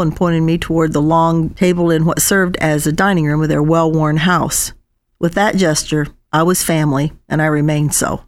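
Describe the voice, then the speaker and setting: A woman narrating a personal memoir in an unhurried, reflective storytelling manner. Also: deep voice. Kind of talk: reading a personal memoir aloud.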